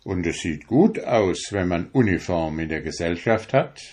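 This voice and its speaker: A man's voice: sits low, expressive, moderate pace, darkish tone, husky. A man voicing a kindly, magical Sandman in a storybook reading, in a friendly, reassuring voice.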